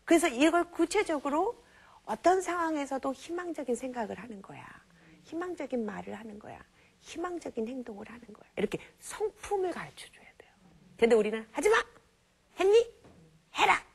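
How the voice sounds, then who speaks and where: A woman lecturing on raising children in a televised talk, lively and acting out parents and children in quoted lines. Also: high-pitched, fairly quick, vocal fry, breathy edge.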